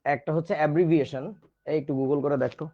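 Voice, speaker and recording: Male Bangladeshi teacher, jokey and scolding, somewhat high-pitched, muffled audio. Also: fairly even intonation, quick pace. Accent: Bangladeshi Bengali. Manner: chatty, teasing, scolds students playfully. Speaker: chemistry teacher. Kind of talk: casual online class lecture.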